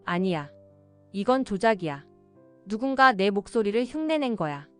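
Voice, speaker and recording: A woman voicing a young female villain who turns frantic and shouts accusations. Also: mid-range voice, expressive, moderate pace, faint music behind, close to an everyday voice. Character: young woman villain, cold then hysterical.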